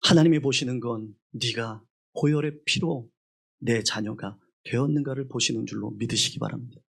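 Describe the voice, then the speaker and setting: A man's voice: medium pitch, moderate pace, vocal fry, breathy edge. A male pastor preaching a sermon with emphatic rhetorical questions, acting out the voices of the people he quotes.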